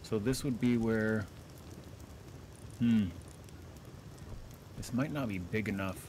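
Halting man directing his teammates. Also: fairly low pitch, darkish tone, a little hiss or hum. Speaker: gamer on voice chat. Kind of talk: casual team game chat.

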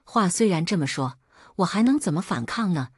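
A woman storyteller voicing a timid, sorrowful young wife who talks in a resigned, mournful way, with a husky voice. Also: fairly low pitch, animated, brisk, no echo, studio quality.

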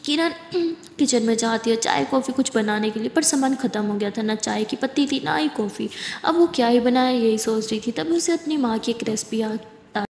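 Woman storyteller, casual dramatic narration, high voice, echoey room. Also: a little fast, gravelly, darkish tone, a little hiss or hum. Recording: echoey room with long reverb.

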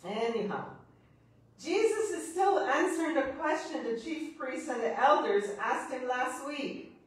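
Her voice sits high, with lively intonation and a measured pace, as this middle-aged Barbadian-accented woman priest delivers a sermon from a pulpit. Between points she banters with the congregation, chatting, laughing and teasing them. The recording comes from a distant camera in an echoey church sanctuary.

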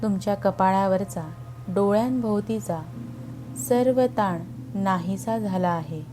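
A woman narrating a guided meditation in a calm, soothing, unhurried way with long pauses, over background music. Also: mid-range voice.

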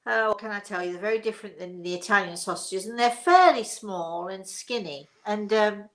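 A middle-aged Englishwoman with an English accent hosts a live story session from her living room, chatting and sharing personal anecdotes in a rambling, chuckling way. Her voice is medium-pitched, expressive and a bit bright, at a moderate pace.

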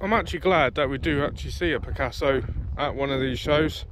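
A man's voice: medium pitch, fairly quick, background noise. A British man giving casual, matey, off-the-cuff commentary as a vlogger, recorded outdoors on a handheld phone. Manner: chatty, matey. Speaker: car show vlogger. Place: outdoors on a grassy car show field.

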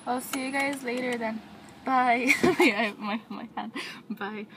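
A young woman with a high, bright-sounding voice films a casual vlog, giggling and bubbling over with excitement. The camera audio is noisy, with wind and traffic rumbling behind her. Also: unhurried. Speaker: vlogger. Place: outdoors in the rain, then indoors.

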